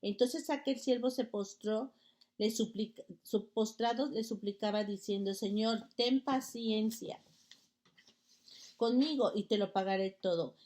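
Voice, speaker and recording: A woman's voice: fairly high pitch, measured pace, a little mellow. Woman preaching and reading scripture. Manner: reads aloud with stumbles and restarts, addresses "hermanos".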